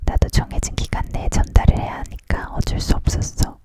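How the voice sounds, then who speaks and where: A reader voicing a measured, courteous male store owner in a whispered role-play of a storybook, with old-fashioned formal phrasing. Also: natural voice. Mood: recollecting.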